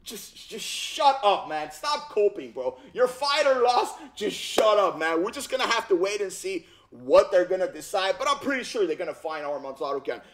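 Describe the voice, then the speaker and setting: Hardly pausing, a high-voiced Armenian-born man in his thirties talks at a moderate pace through casual YouTube reaction commentary on fight news. He's on a headset mic in his home gaming room, animated, slangy, and repetitive, frequently dropping "bro" and "okay?".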